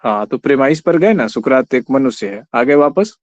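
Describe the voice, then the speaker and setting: A man's voice: mid-range voice, lively intonation, normal speed, no room sound. A man gives an online exam-prep lecture in a mid-range voice. He works through each point patiently, throws questions to his students and slips English terms into his explanations. The sound is close and dry, with a slightly muffled, lo-fi quality. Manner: explains step by step, quizzes students, often says "theek hai". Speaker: teacher. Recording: slightly dull lo-fi recording.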